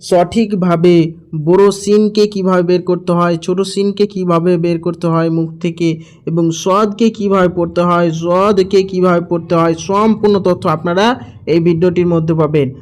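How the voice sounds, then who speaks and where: A man's voice: high-pitched, fairly even intonation, normal speed, a little mellow. A man teaching how to pronounce each Arabic letter, repeating each sound several times. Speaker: Quran recitation teacher. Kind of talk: slow instructional lesson.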